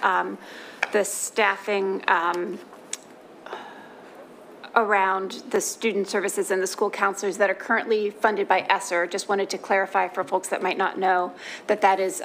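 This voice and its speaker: A woman chairs a formal public meeting with a mid-pitched voice. She speaks in measured, halting phrases, with faint room noise behind her. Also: steady tone, fairly bright tone.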